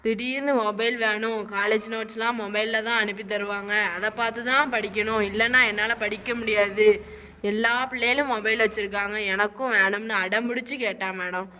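A woman's voice: medium pitch, fairly even intonation, a little fast, pushed and bright, natural voice. A woman playing a weary, worried father who plaintively recounts his troubles step by step. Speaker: father at counseling. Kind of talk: amateur comedy stage acting.

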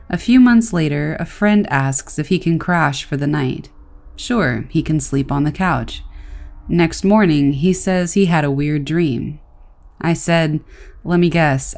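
Low-voiced woman reading stories aloud. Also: creaky, darkish tone. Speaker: narrator.

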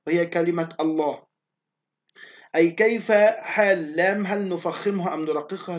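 Male teacher, high voice, patiently repeats and stretches sounds for students; muffled lo-fi recording. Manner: repeats definitions slowly, drawing out letters. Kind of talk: recorded online lesson.

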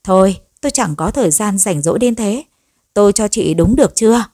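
A woman's voice: medium pitch, lively intonation, a little fast, dark tone, no room sound, studio quality, close to an everyday voice. A woman putting on a scolding old mother-in-law. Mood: scornful. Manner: nagging, sarcastic scolding.

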